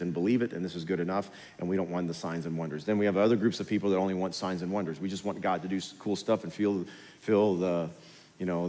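Man, pastor, sermon, animated storytelling, low-pitched, echoing church hall. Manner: animated storytelling, acting out characters with rising energy. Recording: hall reverb with faint music.

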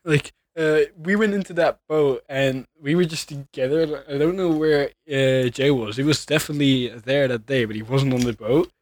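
A man's voice: mid-range voice, moderate pace, few pauses, a little mellow, no room sound. A man telling stories and teasing his friends in a casual podcast chat. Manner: teasing, storytelling.

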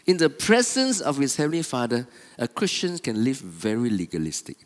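A man preaches a sermon, repeating and restarting his phrases for emphasis. His mid-range voice moves in lively swings. The long reverb of a church hall trails behind him. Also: mid-range voice, normal speed. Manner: repetitive, stop-start emphatic phrasing.

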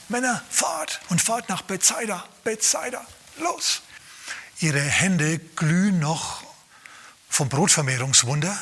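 Bright, husky-voiced male pastor preaching. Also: a little high. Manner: lively, emphatic, acts out scenes. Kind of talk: sermon.

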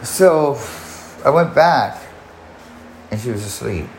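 A man's voice: medium pitch, expressive, slow. Rambling man telling a story, roomy echo. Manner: rambling, profane, many restarts. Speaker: podcast host. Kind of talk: personal storytelling monologue. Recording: echoey room, faint background noise.

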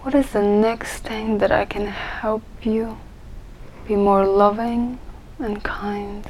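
A woman leading a guided meditation softly and gently, often in a breathy near-whisper. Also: mid-range voice, steady tone, slow pace, slight background noise, low-quality recording.

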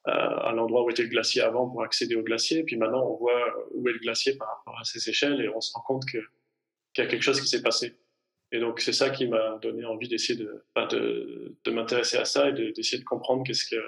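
Guy from the french alps, 30s, flat gravelly voice, lots of euh and restarts, explaining science on a podcast. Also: medium pitch, rough recording. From Hautes-Alpes, France. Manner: hesitant, many fillers and restarts. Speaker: climate scientist guest. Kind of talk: podcast interview.

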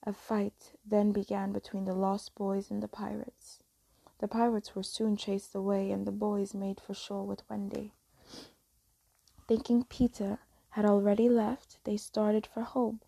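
A woman telling a fairy tale as a soft, slow, whispered bedtime story reading. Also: mid-range voice, flat delivery, creaky, husky, dry recording, poor audio.

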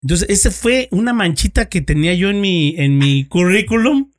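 Man, Mexican accent, slightly high voice, ex-police investigator, casual storytelling, crude slang, acts out dialogue. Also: expressive, moderate pace. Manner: slangy, swears freely, acts out both sides of dialogue. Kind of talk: casual storytelling among friends.

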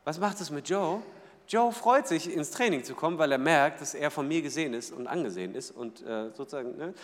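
A man preaching a sermon in a lively way, asking the audience questions and acting out small everyday scenes. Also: on the high side, big-room sound. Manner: lively, asks the audience rhetorical questions, acts out little scenes. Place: church hall.

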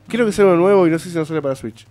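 Fast-talking Argentine man reading chat. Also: fairly high pitch, darkish tone, no echo, faint music behind. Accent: Argentine Spanish. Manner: playful, reads viewer comments aloud. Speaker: stream co-host reading chat. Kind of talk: casual group chat.

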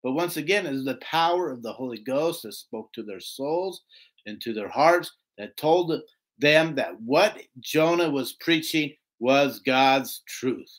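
The audio is poor, but this Bible teacher comes through animated and measured in a mid-range voice. He explains scripture informally with emphatic rhetoric, regularly tossing in "right?" to seek agreement.

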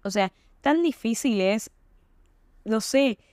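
A woman's voice: on the high side, lively intonation, takes it slowly, a little mellow, dry recording, studio quality. A young woman with an Argentine accent hosting a podcast, talking casually and emphatically with rhetorical questions. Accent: Argentine Spanish. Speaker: podcast host. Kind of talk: casual monologue.

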